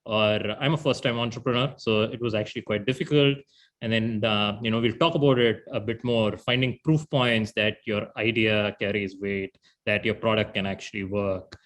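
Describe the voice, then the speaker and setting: A man's voice: on the low side, steady tone, normal speed, a bit bright. Man, founder talk. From India. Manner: thoughtful, fillers of "you know". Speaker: startup founder. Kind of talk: panel interview answers.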